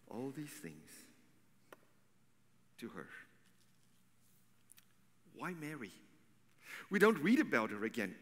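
Male pastor, sermon, slow and deliberate, dramatic shifts from loud to whispered, long church reverb. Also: mid-range voice. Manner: dramatic, swinging from loud declaration to hushed near-whisper. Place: church sanctuary.

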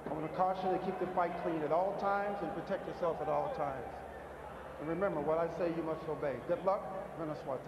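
A man's voice: fairly high pitch, quick pace, highs cut off. A man working as boxing referee, firmly rattling off routine pre-fight instructions. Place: boxing ring in large arena. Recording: echoey noisy arena, off mic. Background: arena noise.

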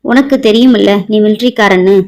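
A woman's voice: mid-range voice, a little fast, darkish tone, close to an everyday voice. A woman voicing a cheerful young male soldier who teases in a playful, easygoing way. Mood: teasing. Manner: teasing, playful.

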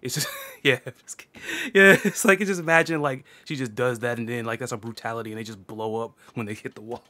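A man's voice: mid-range voice, fairly even intonation, fairly quick, pushed and bright. A man hosting a casual chat about fighting games, rambling with lots of fillers and laughing often. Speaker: podcast host.

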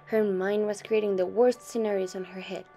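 A young adult woman reading a short story aloud in a steady storytelling manner, softening her voice for quoted lines. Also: medium pitch, moderate pace, a little hiss or hum. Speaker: student reader.

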